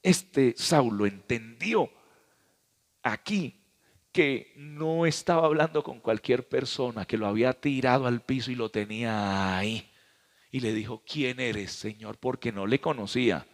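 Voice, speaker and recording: A man with a Colombian accent, a pastor preaching a sermon on a handheld microphone, his pitch swinging up and down with dramatic pauses. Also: in a large hall. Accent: Colombian Spanish.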